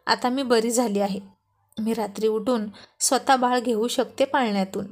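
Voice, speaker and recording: A woman's voice: fairly high pitch, fairly even intonation, moderate pace, natural voice. A woman voicing a shy young wife. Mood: tender. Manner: shy, gently scolding. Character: shy, affectionate young wife and new mother. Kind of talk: storybook reading.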